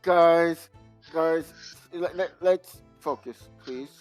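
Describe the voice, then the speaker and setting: A woman's voice: on the low side, very slow, darkish tone, faint music behind. A woman playing a tabletop game over a voice call, exasperated and pleading with the others to focus. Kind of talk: in-character play and table talk.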